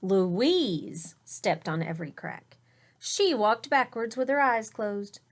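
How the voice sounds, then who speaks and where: A woman teacher with a mid-range voice reads a picture book aloud to children. She explains words and points out the pictures, sometimes dropping to a whisper.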